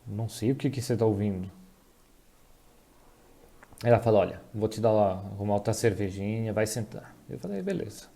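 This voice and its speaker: A man giving a dubbed voice-over of a personal testimony, talking in a halting way with restarts and self-corrections. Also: lowish voice, fairly even intonation, dark tone. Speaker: voice-over interpreter dubbing a testimony.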